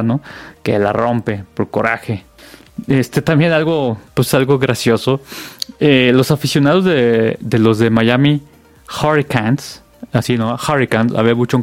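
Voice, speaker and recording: A man's voice: medium pitch, unhurried, darkish tone, dry recording. A Mexican man hosting a casual news roundup, chatty and full of fillers. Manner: chatty, many fillers and restarts. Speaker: host.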